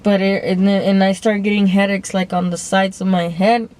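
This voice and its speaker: A woman's voice: mid-range voice, little pitch movement, normal speed, a little mellow, slight background noise. A young woman talking to her phone camera in a casual, confessional monologue, hesitant and rambling, often restarting and trailing off. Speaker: vlogger.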